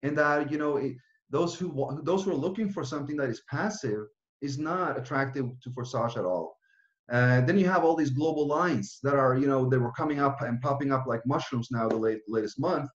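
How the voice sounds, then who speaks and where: A man's voice: mid-range voice, fairly quick. Man on a roomy lo-fi webcam call. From Norway. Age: 30s. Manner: casual, many fillers and restarts. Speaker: presenter. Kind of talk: online business presentation. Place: small room with whiteboard. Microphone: webcam video call. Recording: roomy, dull lo-fi webcam sound.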